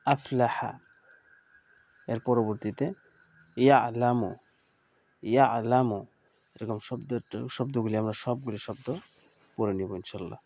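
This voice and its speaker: A man's voice: mid-range voice, warm tone. A man teaching an online Quran reading lesson, patiently sounding out syllables one by one and speaking to his students as a group. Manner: uses pious phrases, addresses students as a group.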